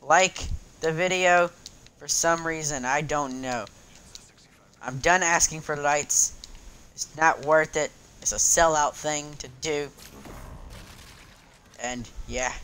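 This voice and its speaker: Excitable man yelling over gameplay. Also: on the high side, slow, pauses often, clear, resonant tone. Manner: excitable, yelps and laughs while playing. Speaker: gaming YouTuber. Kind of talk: live gameplay commentary.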